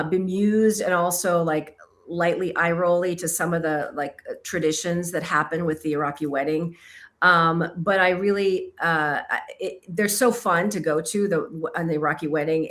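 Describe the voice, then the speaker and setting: Woman filmmaker from Kentucky, slightly low voice, reflective, self-deprecating, halting interview delivery. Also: a bit bright. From Kentucky, United States. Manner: thoughtful, self-deprecating, searching for words. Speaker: filmmaker and author. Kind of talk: casual interview answers.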